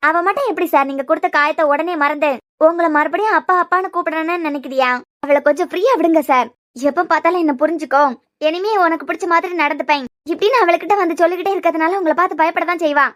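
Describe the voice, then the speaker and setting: A woman's voice: very high-pitched, fast, a bit bright, no echo, studio quality. A woman voicing a firm young caretaker in a cartoon, who lectures the father plainly in Kanyakumari Tamil. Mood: lecturing. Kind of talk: cartoon voice acting.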